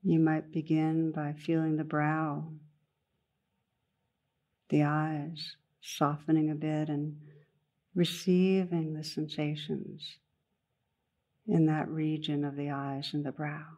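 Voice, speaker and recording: A low-pitched woman teaches a guided meditation, speaking gently and at an unhurried pace. Her delivery is flat, and long pauses separate her phrases.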